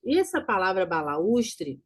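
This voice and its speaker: A woman teaching grammar in a recorded lesson, walking through exam answers and slowly repeating key words. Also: mid-range voice, very animated. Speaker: Portuguese teacher.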